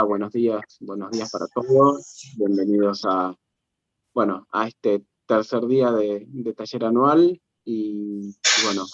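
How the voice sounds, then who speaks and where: A man's voice: fairly low pitch, no echo, highs cut off. A man, hosting an online meeting with many hesitant fillers. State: hoarse from a cold. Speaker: meeting host. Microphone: video call.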